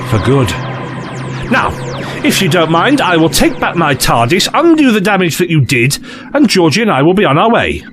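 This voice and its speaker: Breezy male alien adventurer, played by a man, teasing and theatrical, very lively, fairly high pitch, audio drama. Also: normal speed, faint music behind. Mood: smug, firm. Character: breezy, cheeky alien time-traveller, playfully teasing adventurer.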